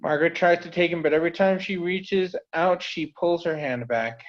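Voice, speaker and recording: A man's voice: a little high, moderate pace. A man reading stage directions aloud in a plain, matter-of-fact way. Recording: dull lo-fi audio.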